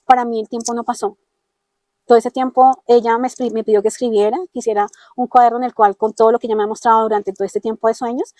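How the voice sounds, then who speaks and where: A woman's voice: a little high, flat delivery, fast, dark tone, dry recording. A woman with a Colombian accent giving an earnest personal testimony, often acting out the dialogue she quotes. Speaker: interviewee telling her testimony.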